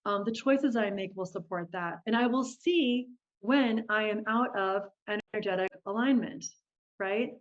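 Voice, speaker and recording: A woman's voice: mid-range voice, unhurried. A woman leading a live online group coaching session, upbeat and encouraging, often laughing as she talks to participants. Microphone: video call. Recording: dull lo-fi video call audio.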